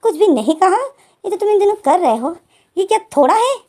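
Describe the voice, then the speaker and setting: Woman doing an upset young man in a storybook retelling, high and mellow, pleading; light acting. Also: lively intonation, quick pace. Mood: hurt, pleading. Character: young man, hurt and jealous lover.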